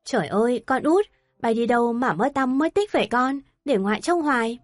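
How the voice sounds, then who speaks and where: Woman doing elderly grandmother, blunt, fussing, audio story, high-ish voice, dry sound. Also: animated, normal speed, no room sound, soft background music, close to an everyday voice.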